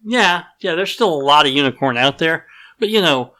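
A man co-hosting a casual podcast, reading listener questions and chatting with animated, exasperated reactions. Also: a little high, moderate pace. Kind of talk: casual chat.

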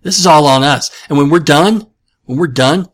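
Loud brooklyn-ish war captain rallying his guys, a man putting it on, pitched up. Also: moderate pace, husky. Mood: rousing. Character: male rallying war leader, bold and defiant.

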